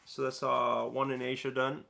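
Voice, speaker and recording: Creaky yet bright and forceful, the mid-range voice of this Newcastle, England man stays monotone at a normal speed. He hosts a laid-back livestream Q&A, reading comments from viewers aloud and chatting with many fillers and restarts.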